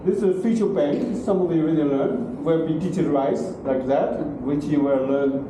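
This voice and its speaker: A middle-aged man lectures in a large classroom at normal speed, using broken English and a fairly high voice while often asking "okay?" and "right?". The sound, taken by a far room camera, is very echoey and noisy.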